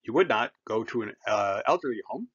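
A man walks learners through a German lesson in a patient, conversational way. His pitch rises and falls animatedly, and the recording sounds dull and lo-fi. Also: lively intonation, a little fast, fairly bright tone, breathy edge. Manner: patient, conversational, explains with everyday comparisons. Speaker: German teacher. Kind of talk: classroom language lesson.

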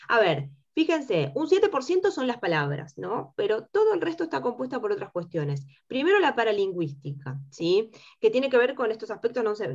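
A woman with an Argentine accent and a high-pitched timbre, teaching a workshop class and checking in with her students through rhetorical questions. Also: dull audio. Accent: Argentine Spanish. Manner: explains with rhetorical questions and frequent tag "¿sí?". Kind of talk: lecture to students.

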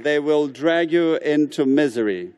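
A man interpreting a political speech live, in a measured, somewhat halting delivery. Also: fairly high pitch, animated, a little mellow.

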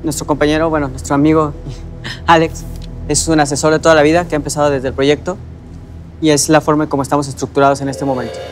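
A man with a Mexican Spanish accent explains how his company is owned. His voice is somewhat high for a man. Faint background music plays under him. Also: little pitch movement, fast talker. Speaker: entrepreneur pitching a business. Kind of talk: business pitch on TV.

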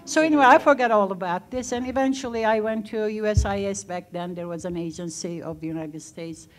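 A Turkish-born woman in her sixties, speaking English as a non-native, tells personal stories on a museum panel, laughing often and using plenty of fillers. Her mid-range voice moves a little fast, picked up by a table mic on a stand on stage.

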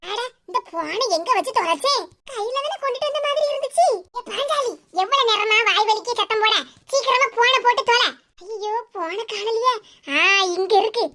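A woman's voice: extremely high pitch, moderate pace, bright, forceful tone, slight background noise. A woman voicing a bossy, scolding old female friend in a cartoon comedy, with a Kanyakumari Tamil accent. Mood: flustered.

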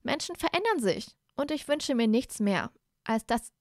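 A woman's voice: fairly high pitch, very animated, normal speed, no room sound, studio quality, voice pushed up. A woman doing a timid young witch, raised voice. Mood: earnest.

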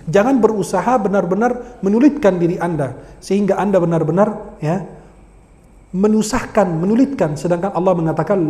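A man preaching an Islamic sermon, telling lively stories and acting out the people in them. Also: sits high. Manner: lively storytelling, acts out quoted voices, laughs. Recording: long hall reverb.

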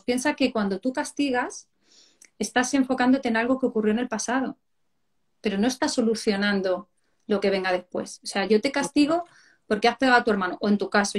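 Spanish woman telling lively parenting stories. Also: on the high side. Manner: animated storyteller, acts out parents and children in quoted voices. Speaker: parenting educator. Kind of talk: live-stream conversation.

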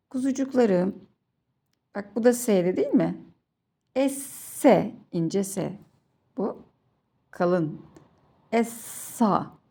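Slow, patient woman teaching children. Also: medium pitch, vocal fry, dark tone, husky. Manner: patient, drills syllables with repetition, addresses children fondly. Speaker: Quran reading teacher. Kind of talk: slow children's recitation lesson.

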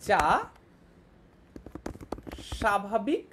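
A woman's voice: medium pitch, drawn-out words, noisy background. A young woman teaching an online class, patiently repeating each point and checking that her students follow.

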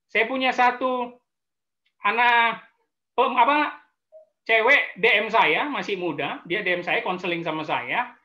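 A man, a pastor, giving a frank webinar sermon, emphatic and drawing out key words slowly. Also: high-pitched, sharp tone, reverberant.

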